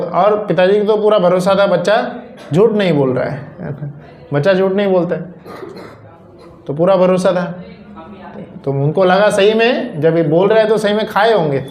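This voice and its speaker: Male preacher, storytelling sermon, fairly high voice, echoing room. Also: a little mellow. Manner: narrative, repeats phrases for emphasis. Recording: roomy echo.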